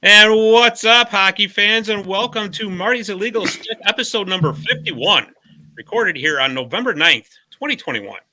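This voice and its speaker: A man's voice: sits high, lively intonation, normal speed, bright, forceful tone, no room sound. A man hosting a casual hockey podcast, jokey and chatty, recording remotely. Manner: jokey, chatty, laughs often. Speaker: podcast host. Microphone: remote call setup.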